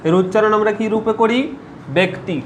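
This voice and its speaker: Guy with a high-ish voice going over pronunciation rules, repeats stuff slow for notes, bit of background hiss. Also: roomy sound. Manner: asks rhetorical questions, repeats rules slowly for dictation. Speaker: teacher. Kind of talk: spelling and pronunciation lesson.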